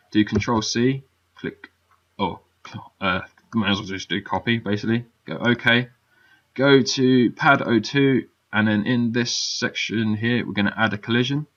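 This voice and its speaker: A man's voice: lowish voice, fairly bright tone, dull audio. A man teaching game development in a casual screen-recorded tutorial, talking loosely with lots of fillers and asking "yeah?" to check in.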